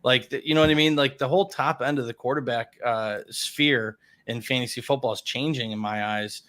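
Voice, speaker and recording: A man's voice: mid-range voice, fairly even intonation, brisk, a bit bright. Upbeat male sports podcast host. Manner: upbeat, chatty, laughs often. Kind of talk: casual sports chat.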